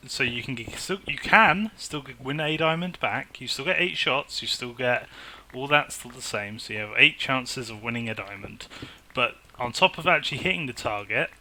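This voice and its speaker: A man commentating his own game, excitable and chatty as he talks himself through it. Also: mid-range voice, slight background noise. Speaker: gaming YouTuber. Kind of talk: casual Minecraft let's play commentary.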